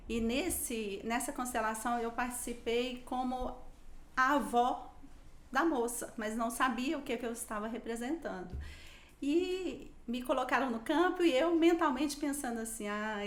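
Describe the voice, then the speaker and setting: A woman's voice: on the high side, roomy sound. A woman guest telling a personal story in casual conversation, animatedly quoting her own thoughts. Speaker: podcast guest.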